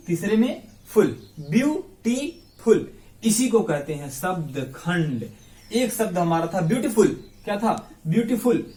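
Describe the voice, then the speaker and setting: A man teaching English grammar in a classroom-style lesson. He breaks words into syllables slowly, repeats them, quizzes his listeners and calls them his brothers. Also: sits high, darkish tone, far from the mic. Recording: echoey room, voice off the mic.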